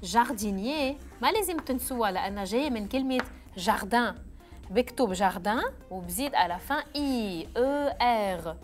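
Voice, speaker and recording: Woman, French teacher, fairly high and animated, drills words slowly and clearly. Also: faint music behind. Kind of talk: televised classroom lesson.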